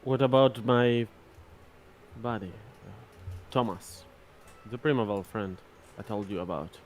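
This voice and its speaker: A man's voice: on the low side, unhurried, a little hiss or hum, natural voice. A man voicing a blunt, exasperated ship captain in a tabletop game. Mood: gruff.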